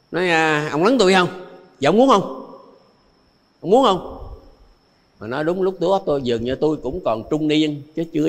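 Older Southern Vietnamese monk, chuckling. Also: male voice, a little high, big-room sound. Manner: chuckles often while telling anecdotes; repeats phrases for emphasis. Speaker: Buddhist monk teacher. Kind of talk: dharma talk with storytelling.

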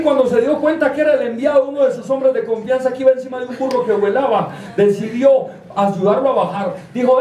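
A man with a Colombian accent telling a comic folk tale live on stage, animated and crude. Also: very high-pitched. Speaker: storyteller comedian. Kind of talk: live comedic storytelling. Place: live stage before an audience. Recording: roomy live room, distant mic, loud crowd.

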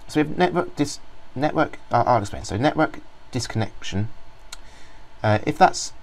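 Animated and moderately paced, a man with a mid-range voice and vocal fry reviews software in a casual screen recording. He rambles, filling it with ums and restarts.

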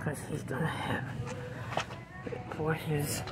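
A woman vlogging while she shops, talking in a halting way and often trailing off mid-phrase, filmed on a handheld phone in store aisles. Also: low voice, level tone, over loud music. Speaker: vlogger shopping. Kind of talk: casual vlog narration. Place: aisles of a large discount store. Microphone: handheld phone camera.

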